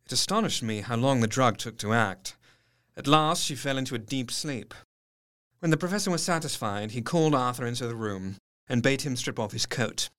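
An actor playing an earnest, observant male doctor narrating his diary in an audio drama, articulate and measured. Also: mid-range voice, a bit bright, slight background noise, lightly acted. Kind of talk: scripted first-person narration, audio drama.

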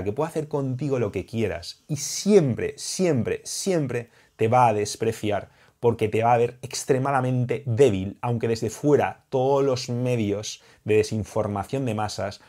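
A man's voice: mid-range voice, darkish tone. A young man with a Spain Spanish accent, a dating coach talking straight to camera in an emphatic, heated and repetitive vlog monologue.

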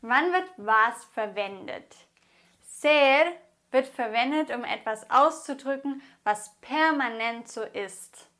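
High-pitched woman teacher, slow careful explaining, clear and patient. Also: expressive, fairly bright tone. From Germany. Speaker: Spanish teacher. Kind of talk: grammar lesson.

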